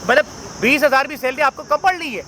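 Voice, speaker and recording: A man's voice: very high voice, a little fast, sharp tone, slight background noise. A young man playing a husband who heatedly defends his wife against his mother, pleading and indignant. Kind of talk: village family drama acting.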